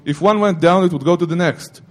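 A man's voice: high-pitched, brisk. A middle-aged man giving an informal technical talk at a security conference, rambling with self-corrections and joking asides to the audience.

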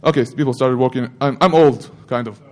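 A man's voice: medium pitch, fast talker, a little mellow. Rambling man giving a tech talk. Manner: rambling, self-correcting, joking asides to the audience. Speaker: security conference speaker. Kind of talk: informal technical talk.

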